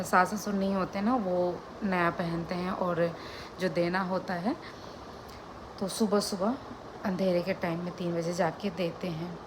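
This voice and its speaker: Soft-spoken woman vlogging at home. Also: on the low side. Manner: speaks softly and slowly during a fast. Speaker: family vlogger. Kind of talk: casual vlog talk to camera. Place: home indoors. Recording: home recording with clear background noise.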